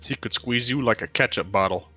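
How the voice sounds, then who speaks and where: A man's voice: mid-range voice, a little fast, bright, forceful tone. A man chatting casually as co-commentator over a video game. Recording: dull lo-fi mic, faint music.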